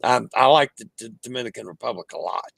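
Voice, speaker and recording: A man with a mid-pitched, noticeably creaky voice chats casually as a travel guest. The recording is very dry. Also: fast, fairly bright tone, dry recording. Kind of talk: casual chat.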